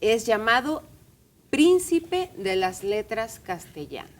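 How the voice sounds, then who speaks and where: A woman hosting a casual literary discussion, brisk and steering the talk. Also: on the high side, sing-song. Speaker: radio show host.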